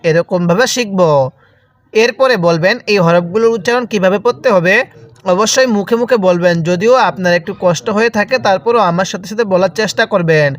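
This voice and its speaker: A man teaching Quran reading, spelling out letters and drawing out each sound for learners to repeat. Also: high voice. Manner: slow drawn-out recitation of letters. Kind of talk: spelling lesson with call-and-repeat.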